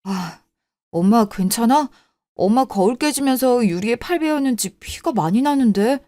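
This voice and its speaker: A woman voicing a calm teenage son who soothes his family in a radio drama. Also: a little high, moderate pace, dry recording, natural voice. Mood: worried. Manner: soothing, coaxing. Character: teenage son, gentle and reasonable. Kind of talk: Korean radio drama acting.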